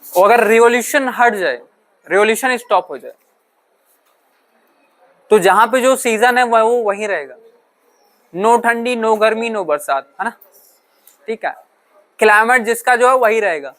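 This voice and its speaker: Speaking at a measured pace with long pauses, this male teacher has a voice that sits high and sounds fairly bright. Lecturing his class, he poses and answers his own questions, works English terms into his speech, and frequently checks that students follow.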